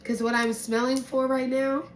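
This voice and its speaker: A woman's voice: sits high, level tone, normal speed. A woman talking casually as a sommelier explaining a tasting, with a playful, slangy, sweary manner. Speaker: sommelier presenting a blind wine tasting. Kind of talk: casual explanatory chat to camera. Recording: roomy echo, faint background noise.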